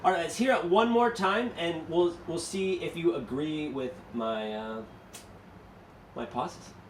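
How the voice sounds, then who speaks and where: A man with a fairly high voice speaks a little slowly while teaching an English class, explaining step by step, questioning students, and switching between English and Mandarin. The recording is echoey, the mic far away, with a little hiss or hum.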